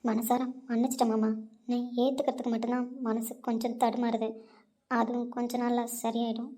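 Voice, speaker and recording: A woman's voice: fairly high pitch, flat delivery, a little fast, warm tone, natural voice. A woman playing a hurt young bride who pleads emotionally in an amateur audio drama. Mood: pleading, tender.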